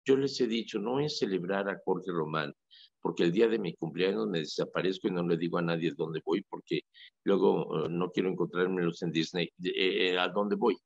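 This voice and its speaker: Hombre con acento mexicano, charla radial animada, voz áspera con fry, sonido seco de estudio. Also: male voice, sits low, moderate pace, no echo. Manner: animated, emphatic, storytelling. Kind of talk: casual radio talk. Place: radio studio. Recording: dry lo-fi radio audio.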